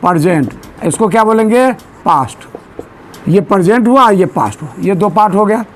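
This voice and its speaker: A male teacher giving a grammar lesson in a classroom, drilling students with repeated questions and asking them to answer loudly. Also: sits high, lively intonation, moderate pace, a little hiss or hum. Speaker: English teacher.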